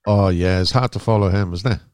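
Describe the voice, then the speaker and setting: A man's voice: low-pitched, fairly quick, a little mellow, no echo, studio quality. A man interviewing someone in a casual, chatty style. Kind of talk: casual chat.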